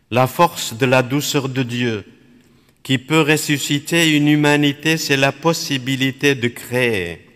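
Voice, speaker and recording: An Iraqi Dominican friar whose first language is Aramaic gives a slow, reflective spiritual talk in short, measured phrases with long pauses. His medium-pitched, slightly bright voice is unhurried and contemplative, carrying a long reverb like a large hall.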